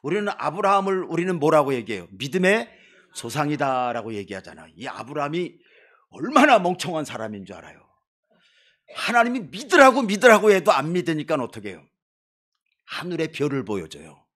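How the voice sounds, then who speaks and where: A missionary pastor delivers a sermon in a church, his voice pitched high and swooping widely up and down. He keeps asking his congregation rhetorical questions and drops in joking asides. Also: brisk. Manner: lively, emphatic preaching with rhetorical questions to the congregation; jokes and playful asides to the congregation. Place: church sanctuary before a congregation.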